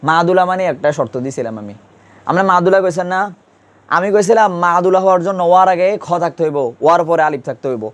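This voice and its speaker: A high-voiced man moves at a quick pace through an Urdu grammar class. He speaks informally and patiently drills pronunciation, repeatedly questioning his students.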